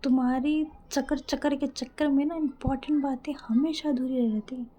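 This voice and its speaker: A bashful young woman who chides her partner, as a woman narrator puts her on. Her voice is high but very soft and mellow, exasperated and scolding by turns. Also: fairly even intonation, moderate pace, a little hiss or hum, natural voice. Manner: chiding, exasperated.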